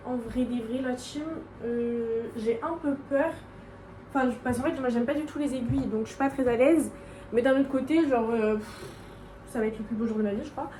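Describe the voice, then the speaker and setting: A young adult vlogger chats casually at home while getting ready, rambling, self-mocking, and slangy. Her fairly high voice is mellow, at a moderate pace. It's recorded from a distance, off-mic, in an echoey, roomy space with faint background noise.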